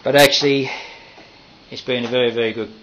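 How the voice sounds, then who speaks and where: A man's voice: medium pitch, fairly even intonation, brisk, fairly bright tone, a little hiss or hum, poor audio. A man, talking to a handheld camera outdoors at a house in a rambling home-video vlog full of fillers and restarts. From Australia. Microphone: handheld camera mic.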